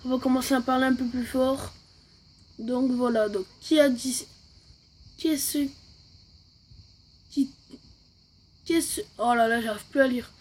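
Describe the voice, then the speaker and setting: Soft-spoken unwell woman reading slowly. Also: high voice, steady tone, slight background noise, rough recording. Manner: quiet, halting, apologetic asides. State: unwell, speaking softly. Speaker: reader of a horror story. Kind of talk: casual read-aloud of a horror story.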